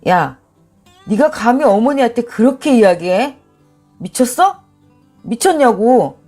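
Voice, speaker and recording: A woman's voice: a little high, sing-song, a little slow, mellow, soft background music. A woman doing a blustering cheating husband. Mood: angry. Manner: blustering, defensive.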